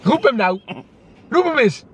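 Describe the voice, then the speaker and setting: High, excitable male vlogger outdoors. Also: a little slow. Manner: loud, playful, calls out and repeats words. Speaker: vlog host. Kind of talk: excitable casual vlog banter. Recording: street noise behind the voice.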